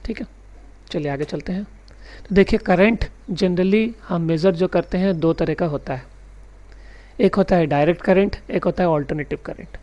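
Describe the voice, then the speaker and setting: A man teaching a recorded electronics lesson, explaining step by step and reading out English definitions slowly. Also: high voice, darkish tone, dull audio. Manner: mixes English technical terms into his speech. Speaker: electronics tutor.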